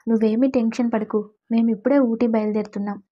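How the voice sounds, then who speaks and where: A woman's voice: a little high, steady tone, fast, mellow, natural voice. A woman voicing an eager middle-aged woman. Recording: dull lo-fi recording.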